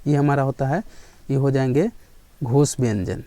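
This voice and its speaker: Male teacher, grammar lesson, keeps checking in, answers his own questions, mellow tone, dry close sound. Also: medium pitch, fairly even intonation, normal speed, no echo.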